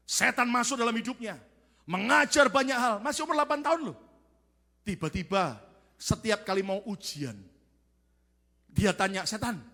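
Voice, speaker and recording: A man's voice: sits high, sharp tone. A male pastor preaching a sermon in a large church hall, telling a story dramatically and calling on the congregation again and again. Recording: long church hall reverb.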